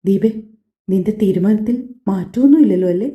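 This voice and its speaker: A woman's voice: medium pitch, brisk, warm tone, natural voice. A woman voicing a stern, protective middle-aged father who insists his daughter stay home, in an audio story. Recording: echoey, slightly dull home recording.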